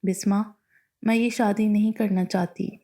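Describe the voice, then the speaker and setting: A woman narrator voicing a distraught, quick-tempered young bride-to-be who pleads and snaps, in a storybook reading. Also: mid-range voice, fairly even intonation, dark tone, lightly acted. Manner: pleading and snappish.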